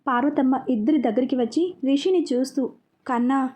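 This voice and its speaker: A woman narrating a serialized romance story with a steady, expressive reading. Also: sits high, fairly quick.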